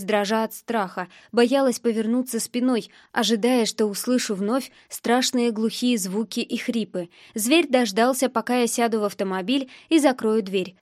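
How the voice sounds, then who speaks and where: A woman reads a first-person novel aloud as an audiobook narrator. Her telling is tense and emotional. Her voice sits fairly high, and the recording is dry and close. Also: darkish tone, dry recording.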